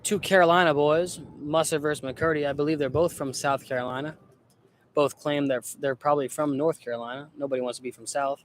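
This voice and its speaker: A young man calling amateur baseball play-by-play in a relaxed, chatty way, often correcting himself. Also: on the high side, a little fast, a little hiss or hum. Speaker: play-by-play announcer.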